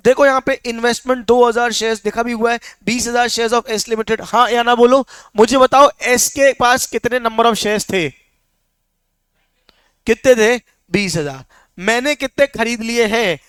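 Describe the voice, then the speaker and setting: A young man teaching a lecture, coaxing students with constant quick questions and mixing English terms into his speech. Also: extremely high pitch, fairly bright tone, clear, resonant tone, no room sound. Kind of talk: classroom lecture.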